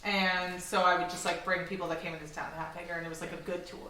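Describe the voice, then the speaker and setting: A woman's voice: fairly low pitch, level tone, quick pace, far from the mic, a crowd in the background. A woman guest comedian telling a casual story on a podcast, with lots of "like". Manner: chatty, storytelling, fillers like "like". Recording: echoey room, off-mic, faint noise.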